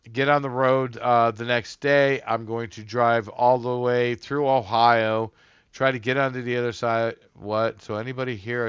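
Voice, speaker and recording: A man's voice: medium pitch, fairly bright tone, smooth, dry recording, highs cut off. A man hosting a casual livestream, rambling and a bit tipsy from a couple of beers, talking loosely and swearing to his chat. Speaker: livestream host.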